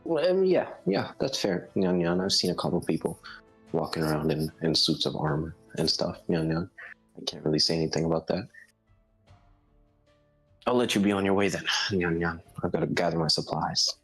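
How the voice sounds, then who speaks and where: A man's voice: sits low, fairly even intonation, brisk, fairly bright tone, poor audio. A man improvising dialogue in a tabletop role-playing game, awkward and hesitant, often repeating himself. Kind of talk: casual improvised role-play. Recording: music playing behind the voice.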